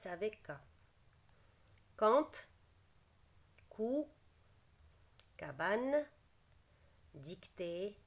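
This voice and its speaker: A woman teacher explaining a spelling lesson, patiently reading words aloud and repeating each one. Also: mid-range voice. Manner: explains patiently, repeats each word, switches briefly into Arabic.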